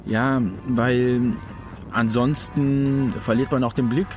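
A man from Saxony who is a member of parliament, speaking in a measured, hesitant way in a documentary interview. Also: medium pitch, level tone, a little mellow, soft background music. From Saxony, Germany.

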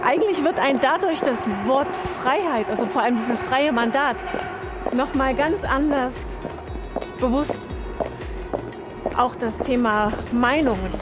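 A woman's voice: high voice, a little slow, long pauses, over loud music. A woman, a newly elected member of parliament, talking reflectively in a documentary interview and sometimes searching for words.

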